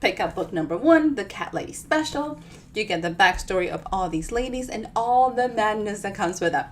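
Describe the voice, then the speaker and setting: She's animated and moves at a moderate pace, her voice medium in pitch over slight background noise. The Dominican author runs her storytime livestream in a chatty, bubbly, informal style.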